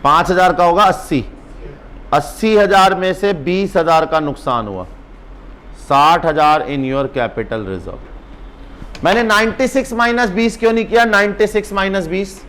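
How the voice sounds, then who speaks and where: A male accounts teacher in a brisk exam-prep lecture, teasing and urging his students on. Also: high voice, a bit bright.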